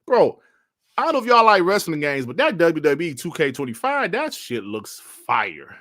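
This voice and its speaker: 40s dude on a stream reading chat, bright punchy voice, laughs a lot, dry sound. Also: male voice, on the high side, wildly swooping pitch, normal speed, no room sound. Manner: loud, laughing, slangy banter with chat. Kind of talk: casual livestream chat.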